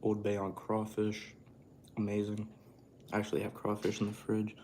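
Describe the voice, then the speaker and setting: Low, flat-toned man rambling on a stream. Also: normal speed. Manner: rambling, casual swearing. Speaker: livestream host. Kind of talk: casual livestream chat while cooking and eating. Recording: clearly noisy room ambience.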